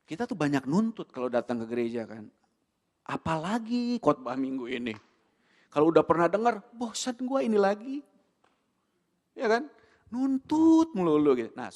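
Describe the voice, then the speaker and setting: A man with an Indonesian accent preaching a sermon in a church, animated and full of rhetorical questions, with English words mixed in. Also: a little high. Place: church hall. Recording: long hall reverb.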